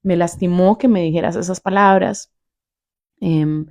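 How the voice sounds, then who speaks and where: A woman's voice: on the low side, unhurried. A woman with a Costa Rican accent, a biblical counselor and podcast host, chatting casually and acting out the quoted lines with a raised voice. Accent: Costa Rican Spanish. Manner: animated, acts out quoted lines in a raised voice, laughs often. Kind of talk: casual storytelling to listeners.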